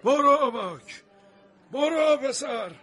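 A man's voice: very high voice, lively intonation, sharp tone, voice pushed up, heavily acted. A man voicing a devoted dog owner in a storybook reading, talking fervently to his dog. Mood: urging. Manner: fervent, urging. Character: devoted male dog owner, kind and stubborn.

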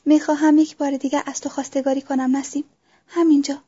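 A devoted young man in love, as a woman reads him aloud from a storybook. The voice is high and mellow, with little rise and fall, and is soft and earnest. The recording sounds dull and lo-fi. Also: level tone, close to an everyday voice. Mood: tender.

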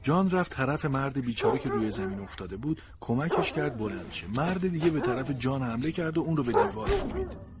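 A man tells a story in first person, speaking as a dog, with an earnest and expressive delivery. His voice sits at an ordinary middle pitch. Clear noise runs under the recording. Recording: noisy background.

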